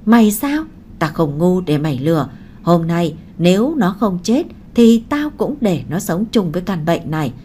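A woman voicing a desperate, vengeful woman who holds a child hostage, in a shrill taunting manner. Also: big pitch swings, normal speed, dark tone, slight background noise. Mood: vicious.

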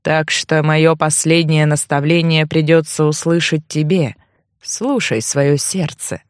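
A woman voicing the ghost of a frail, hunched old man who speaks slowly and creakily. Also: sits low, fairly even intonation, dry recording, clean studio sound, voice pushed down. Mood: sorrowful. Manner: slow, creaky, whispery farewell.

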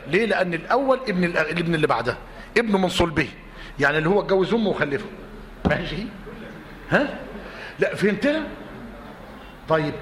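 A man's voice: high-pitched, a bit bright. Egyptian man teaching in a roomy hall. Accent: Egyptian Arabic. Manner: repeats points and quizzes students. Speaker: teacher of a fiqh class. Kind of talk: classroom teaching. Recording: roomy reverberant hall, faint noise.

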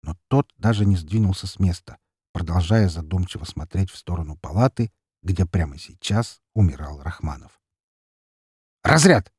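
A man reading an audiobook in an expressive, dramatic narration. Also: deep voice, moderate pace, slightly rough, dry recording, clean studio sound. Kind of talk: scripted narration.

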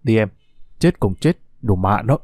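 A man's voice: fairly low pitch, expressive, measured pace, a little mellow, no echo, studio quality, voice pushed down. A man voicing a cold, harsh fugitive husband who speaks curtly, in an audiobook. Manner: curt, harsh. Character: hard, cold grown man, fleeing collaborator.

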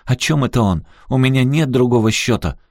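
Man voicing a teenage girl, furious, high pitched, loud, dry close sound. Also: a little fast, no room sound, close to an everyday voice. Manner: shouting, accusing.

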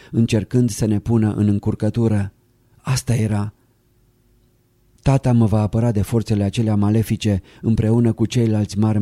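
A male audiobook narrator reads a first-person memoir in a calm, measured way. His voice sits low and sounds very dark and mellow. The recording is dry and close. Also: no room sound.

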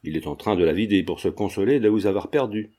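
A man's voice: lowish voice, expressive, fast talker, mellow. A man voicing a brash, cheeky young painter who talks in a blunt, teasing way.

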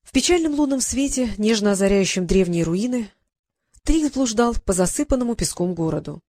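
A woman's voice: mid-range voice, animated, moderate pace, dark tone, no echo. Woman narrating a story, dry close sound. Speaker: audiobook narrator. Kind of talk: scripted narration.

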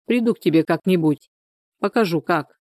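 A woman reading a storybook, voicing a blunt, surly village man in a curt, rough manner. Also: lowish voice, normal speed, a little mellow, no room sound, studio quality, natural voice. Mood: gruff.

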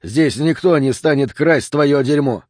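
A man's voice: medium pitch, measured pace, darkish tone, dry recording, clean studio sound, close to an everyday voice. A man doing a weary, curt police lieutenant. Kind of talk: audiobook character voice.

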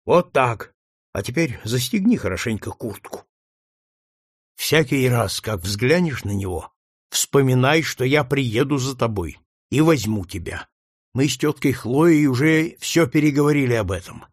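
A man voicing a passionate, impulsive young boy with excited outbursts in an audiobook reading. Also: mid-range voice, unhurried, dry recording, studio quality. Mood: earnest.

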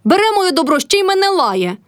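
A woman's voice: very high-pitched, sing-song, brisk, no room sound, studio quality, voice pushed up. A woman reading aloud, voicing a cantankerous old peasant mother-in-law who scolds. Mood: scolding.

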